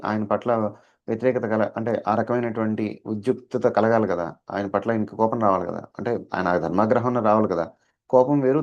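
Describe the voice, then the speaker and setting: A man giving a devotional discourse as a spiritual teacher. He explains step by step, fills pauses with drawn-out "aa" sounds, slips in English words and keeps asking his listeners whether they understood. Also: fairly low pitch, darkish tone. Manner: drawn-out "aa" fillers.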